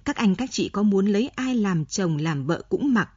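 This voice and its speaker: Woman narrator playing a stern, sharp-tongued older mother from a storybook; mellow, husky voice, dull dry recording. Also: medium pitch, sing-song, moderate pace, no echo. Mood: exasperated. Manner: sharp, scolding. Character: stern proud older mother, quick to scold.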